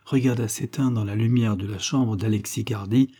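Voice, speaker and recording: A man narrating a detective novel aloud in a measured storytelling manner. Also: on the low side, fairly even intonation, warm tone. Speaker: audiobook narrator. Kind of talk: scripted narration.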